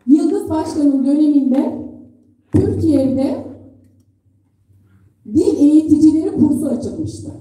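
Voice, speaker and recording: A middle-aged woman delegate giving an earnest, measured speech into a lectern microphone at a general assembly, pausing between phrases. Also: high voice, dark tone. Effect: speaking into a lectern microphone in a hall. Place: assembly hall. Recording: echoey hall, voice from far off.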